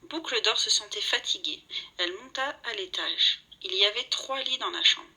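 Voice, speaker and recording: A woman reads a children's story aloud with lively energy. Her tone is very bright and has a husky edge. She slips into the characters' lines as she narrates. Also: mid-range voice, moderate pace, rough recording.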